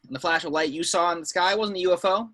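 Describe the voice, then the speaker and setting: Man playing fast-talking, bright-voiced deadpan government agent. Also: high-pitched. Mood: deadpan, official. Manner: deadpan, clipped. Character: seasoned, dry, no-nonsense male government agent. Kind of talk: amateur script table read.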